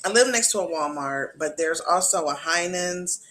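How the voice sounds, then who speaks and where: A middle-aged woman hosts a casual talk show in a lowish, expressive voice with a fairly bright tone and moderate pace. She's earnest and repetitive, often checking in by asking "you know what I'm saying."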